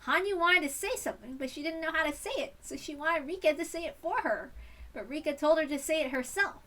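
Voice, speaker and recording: A woman reading a visual novel aloud in an animated, expressive way, a bit off-mic. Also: high-pitched, a little fast, far from the mic. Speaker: reader.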